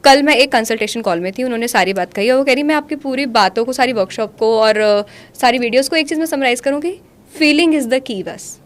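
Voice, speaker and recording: A woman in her thirties talking in a podcast conversation, mixing Hindi with slow, deliberate English lines. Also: fairly high pitch. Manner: switches between Hindi and English, slows down for English lines. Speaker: guest, manifestation coach.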